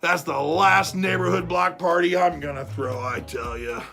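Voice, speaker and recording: Playing a self-justifying big bad wolf, the storyteller explains his grievances in animated first-person style for children, repeating himself in exasperation to insist he meant well. The gravelly, mid-range voice is bright and forceful at a moderate pace, accompanied by music.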